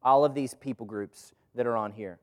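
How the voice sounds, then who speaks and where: In a room where a group has gathered, a man of medium pitch and normal speed leads a Bible study. He reads scripture and teaches in a relaxed, conversational sermon, leaning on rhetorical questions and repeated phrases to drive points home.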